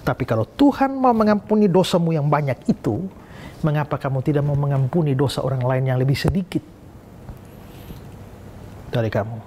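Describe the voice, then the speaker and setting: Animated male preacher, faint room noise. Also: on the high side, fairly quick, pauses often. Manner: animated storyteller, acts out dialogue voices. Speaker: pastor. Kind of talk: sermon.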